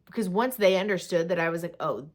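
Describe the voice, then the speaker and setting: A young woman with a slightly low voice tells a personal story, chatty and animated. She rambles through fillers and quick asides in a loose, casual vlog delivery. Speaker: vlogger telling a personal story.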